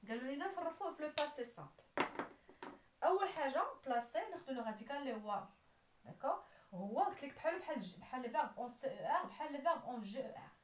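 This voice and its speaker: Speaking very quickly with lively intonation in a high voice, a Moroccan-accented teacher explains French grammar, spelling out letters and verb endings. Her voice sounds somewhat distant from the mic amid a roomy echo and slight background noise.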